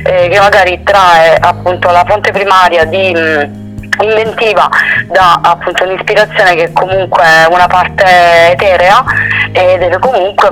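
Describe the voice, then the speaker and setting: A male singer-songwriter answering interview questions thoughtfully, pausing often to search for words. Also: sits high, fairly bright tone, poor audio. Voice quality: soulful voice.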